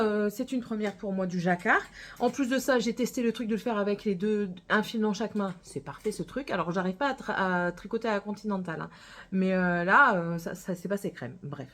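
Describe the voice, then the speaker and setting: A woman with a northern French accent tinged by Gironde, chatting casually to camera about her knitting, rambling with many hesitations. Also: medium pitch. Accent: northern French with a touch of Gironde. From northern France. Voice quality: rambling, full of hesitations and self-corrections. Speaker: knitting podcaster.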